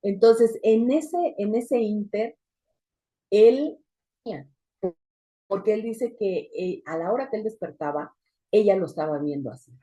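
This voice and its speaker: A woman leads a church women's group. Her voice is dark and mellow, and she tells a deliverance testimony in a storytelling way that jumps into emphatic peaks. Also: medium pitch, measured pace, pauses often, husky. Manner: storytelling with sudden emphatic rises. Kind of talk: testimony teaching.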